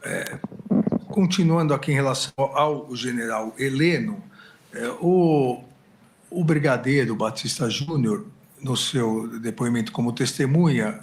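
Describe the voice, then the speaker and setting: Halting Brazilian judge questioning a witness. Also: male voice, medium pitch, a little hiss or hum. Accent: Brazilian Portuguese. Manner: halting, full of filler hesitations. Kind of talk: formal courtroom questioning.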